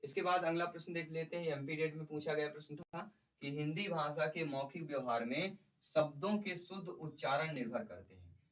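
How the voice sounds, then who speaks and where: A man's voice: fairly high pitch, a bit bright. A man teaching an exam-prep lesson. He explains each question step by step and keeps asking the class questions. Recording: voice somewhat far from the mic.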